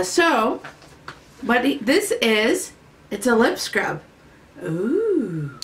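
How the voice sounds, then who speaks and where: A woman's voice: mid-range voice, a little hiss or hum. A woman beauty vlogger casually chatting through a makeup unboxing, rambling and easily delighted, sometimes in a sing-song voice.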